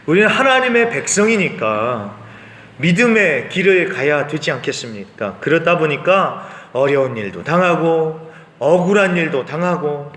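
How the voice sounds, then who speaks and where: A man's voice: a little high, a bit bright. A male pastor giving a sermon in a conversational way, asking rhetorical questions and often affirming with a short "yes.". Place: church sanctuary. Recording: echoey church hall reverb.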